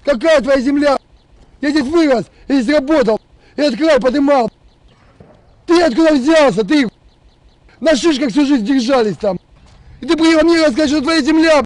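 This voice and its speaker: A Donbas militia commander in his thirties stands on a road shouting angry threats and insults into a phone, his very high voice at normal speed with frequent pauses. There's no echo, and the camera is a few meters away.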